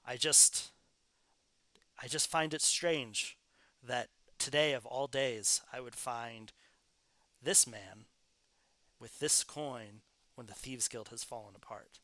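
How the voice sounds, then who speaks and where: A man's voice: mid-range voice, slow, pauses often, pushed and bright, no room sound. A man voicing a nervous male thief who stammers and fumbles for answers. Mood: puzzled. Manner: stammering, flustered. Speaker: non-player character voiced by the game master.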